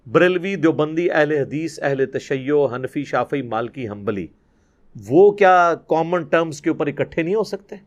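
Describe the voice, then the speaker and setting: A middle-aged man with a Pakistani accent teaching a Quran class, chanting Arabic verses slowly and then explaining them briskly. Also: on the high side. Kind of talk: religious lecture.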